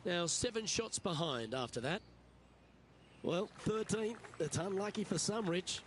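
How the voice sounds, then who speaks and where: A man's voice: high-pitched, lively intonation, unhurried, fairly bright tone, slight background noise. A man playing the lead golf commentator in a video game, calling each shot in short running updates over outdoor ambience. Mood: composed, observant.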